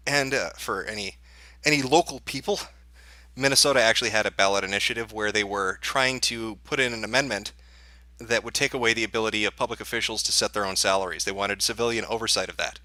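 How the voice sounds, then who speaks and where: A man's voice: lowish voice, fast talker, sharp tone, dry recording. A man hosting a live election-night stream, chatting casually and reacting with sarcasm and profanity. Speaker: livestream host.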